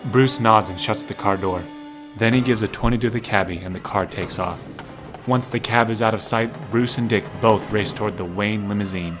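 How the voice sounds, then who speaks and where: Over faint underlying music, a man narrates a scripted drama, describing the action in the present tense. His fairly low voice moves at a moderate pace.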